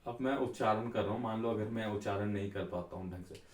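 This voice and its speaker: A man's voice: on the low side, far from the mic. Man lecturing in an echoey room. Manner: explains slowly, repeating key terms. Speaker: Ayurveda tutor. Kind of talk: classroom lecture.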